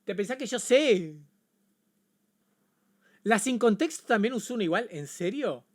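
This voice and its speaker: A man with an Argentine accent reacting on a casual livestream, excitable and swearing, often repeating himself. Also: sits high, unhurried. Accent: Argentine Spanish. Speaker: streamer.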